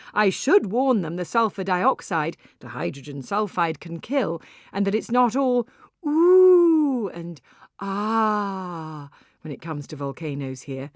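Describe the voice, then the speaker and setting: Heavily acted and slightly bright at a medium pitch, this woman voices an exuberant, wry Icelandic volcano guide who also runs a cafe. She narrates as "I," slipping in theatrical asides as if sharing secrets, sounding awed and exclamatory. It's a dramatised first-person audiobook piece, recorded studio-quality with no echo.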